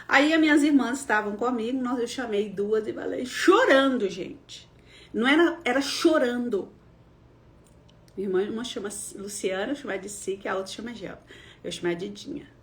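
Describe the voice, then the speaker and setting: A woman's voice: fairly high pitch, normal speed. A Brazilian woman psychologist hosting a live stream, telling a personal story with feeling. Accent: Brazilian Portuguese. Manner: emotional storytelling, acting out quoted voices.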